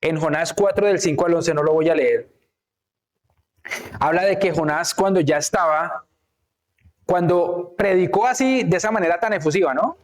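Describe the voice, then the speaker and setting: A man's voice: on the high side, moderate pace, long pauses. A man preaching a sermon to a church congregation, often checking in with the listeners and acting out the words of biblical characters. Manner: frequent rhetorical checks with the congregation. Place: church in Canada.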